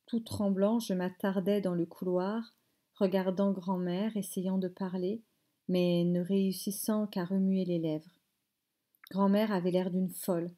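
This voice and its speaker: A woman teacher reading a novel aloud in measured phrases, stopping to explain words. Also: mid-range voice, fairly even intonation, warm tone. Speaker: French teacher.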